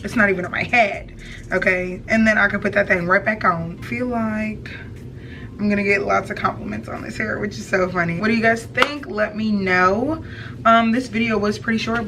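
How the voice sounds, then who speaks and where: A mid-range female voice, with background noise, belongs to a young woman chatting casually and playfully in slang, beauty-vlogger style, during a hair tutorial. She sits in an indoor room with a plain wall backdrop, captured by a slightly distant mic over faint music.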